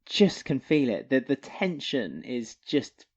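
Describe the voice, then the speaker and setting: A man with a British accent co-hosting a casual podcast chat, chatty and animated, his voice jumping up when he gets excited. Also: mid-range voice, slow, husky. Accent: British English. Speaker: podcast co-host. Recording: dull lo-fi podcast audio.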